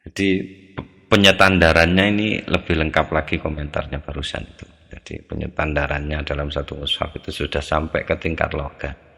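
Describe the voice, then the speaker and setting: Reading a classical Arabic text word by word, a very deep, gravelly-voiced teacher recites each phrase, translates it into Javanese, and then explains in Indonesian. He speaks briskly in a level, forceful, slightly bright tone, and a long reverb tail follows his words.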